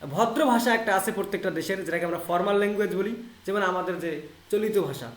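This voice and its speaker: A Bangladeshi man with a high voice teaches linguistics online, repeating key terms and glossing English words in Bengali. He sounds like he's in an echoey room. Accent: Bangladeshi Bengali, Rangpur. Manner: reads English text slowly and deliberately. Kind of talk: online lecture.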